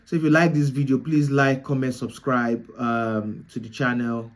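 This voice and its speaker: A man's voice: mid-range voice, flat delivery, moderate pace. Repetitive emphatic young man. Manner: repetitive, emphatic, restarts phrases. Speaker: football channel host. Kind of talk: casual reaction commentary.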